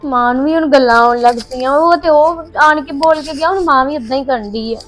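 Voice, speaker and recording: Very high-voiced resentful woman. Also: brisk, fairly bright tone, faint music behind. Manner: resentful, arguing back. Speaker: actor playing a daughter-in-law. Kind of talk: Punjabi family web drama acting.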